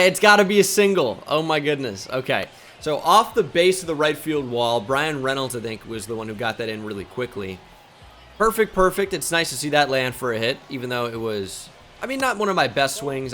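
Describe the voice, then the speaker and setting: A young man giving live commentary on a baseball video game, quickly flipping between frustration and joking at himself. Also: mid-range voice, slight background noise. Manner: excitable, swings between frustration and self-mockery. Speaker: gaming channel host.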